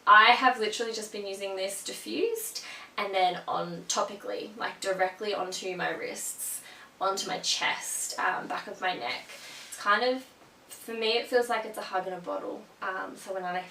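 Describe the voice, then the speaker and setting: An Australian vlogger, young and a little sniffly from a cold, chats casually to her viewers about products, gushing and saying "um" a lot. Her medium-pitched voice is creaky, pushed and bright at a normal speed, recorded roomy and from a distance with a faint hum.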